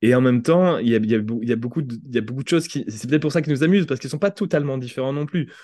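A French language entrepreneur, a guest on a podcast, speaks very fast in a medium-pitched, slightly mellow voice. In this conversational interview he explains things thoughtfully with examples, often restarting his sentences. The sound is clean studio audio with no room sound.

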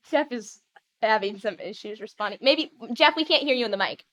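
A woman's voice: mid-range voice, lively intonation, quick pace, fairly bright tone. A young woman co-hosting a podcast in casual comedic chat, teasing and laughing as she reads a letter aloud. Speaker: podcast co-host.

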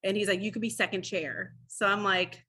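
A woman's voice: mid-range voice, brisk, breathy edge. A woman in her thirties, a former defense attorney, telling stories in a casual interview, acting out quotes with lots of "like". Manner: animated storyteller, acts out quotes, many "like"s.

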